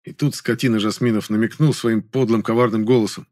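A man's voice: lowish voice, steady tone, brisk, darkish tone. A man reading a first-person audiobook story aloud, with a dry, ironic manner. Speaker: narrator.

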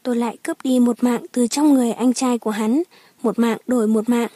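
A woman's voice: a little high, fairly even intonation, a little fast, warm tone, no echo, natural voice. A cold vengeful young woman, as a narrator puts her on. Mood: sneering. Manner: sneering, shrieking.

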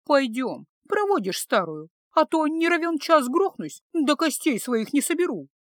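A woman's voice: high voice, sing-song, measured pace, no echo, studio quality, voice pushed up. A woman voicing a chatty, fussy elderly neighbor who mumbles in a shaky voice, in a storybook reading. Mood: fussing.

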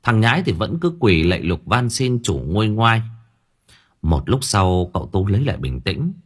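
A man narrating a serialized novel for an audiobook in an expressive storytelling manner. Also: on the low side, moderate pace, breathy edge.

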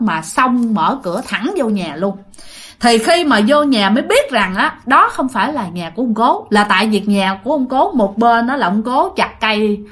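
A woman with a Southern Vietnamese accent narrating a ghost story in a chatty way, speaking straight to her listeners and often sinking to a hushed murmur. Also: mid-range voice. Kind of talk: casual spoken storytelling.

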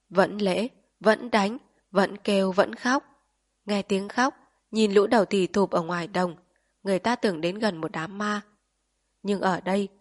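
Woman narrator, solemn measured storytelling, dramatic novel reading. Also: mid-range voice. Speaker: audiobook narrator.

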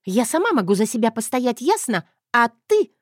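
A woman's voice: fairly high pitch, big pitch swings, no room sound, clean studio sound, voice pushed up. A woman voicing a sassy, defiant young wife who keeps snapping back, in an audiobook. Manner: sassy, quick to snap back.

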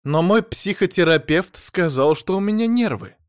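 A man's voice: high-pitched, lively intonation, normal speed, no room sound, clean studio sound, pitched above the performer's own voice. A man voicing a silly, childish, vain young wife in a pouty, wheedling voice. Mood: shrill, indignant.

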